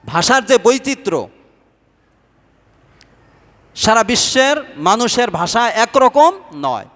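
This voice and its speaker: A man's voice: very high-pitched, very animated, slow pace, fairly bright tone. A male preacher giving a sermon who keeps asking the audience questions and then answering them himself. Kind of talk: Islamic sermon. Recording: long hall reverb.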